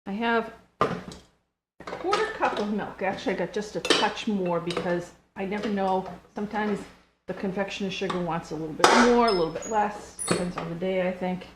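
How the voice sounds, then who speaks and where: A woman's voice: mid-range voice, moderate pace. An older woman walks through a recipe in a chatty, homespun way, explaining each step as she goes. Her voice sits in an ordinary middle range. The recording is noisy, with clicks in the background. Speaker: home baker. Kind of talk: casual cooking demonstration.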